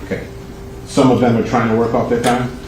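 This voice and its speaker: A man's voice: mid-range voice, flat delivery, brisk. A man cross-examining a witness as an attorney, probing and rephrasing his questions. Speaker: defense attorney. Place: courtroom. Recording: echoey, distant, noisy courtroom audio.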